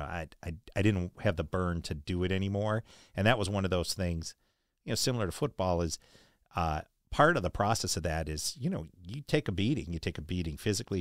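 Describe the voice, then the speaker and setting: A man's voice: deep voice, no room sound, clean studio sound. A man hosting an interview, asking long rambling questions in a conversational way and sharing his own racing memories. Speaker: interview host. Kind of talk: casual interview.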